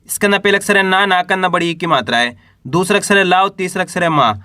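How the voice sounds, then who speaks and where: A patient male teacher with a high, bright voice sounds out syllables one by one for beginners. He asks himself each question and answers it in a slow, even classroom rhythm. His voice is recorded close up and dry, with no room echo. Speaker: Hindi reading teacher. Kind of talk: slow spelling lesson for beginners.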